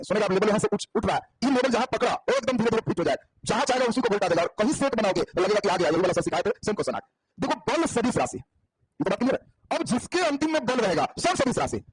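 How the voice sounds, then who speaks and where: A man's voice: high voice, slightly rough, low-quality recording. A man teaching a physics class on a handheld mic, drilling students with repeated questions. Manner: quizzing, drilling students by repetition. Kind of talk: classroom lecture.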